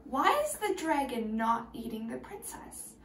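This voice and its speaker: A woman teacher reads a picture book to young children in a fairly high, sing-song voice, a little slowly. The storytelling is expressive with hushed, whispered asides, and there's a little hiss or hum.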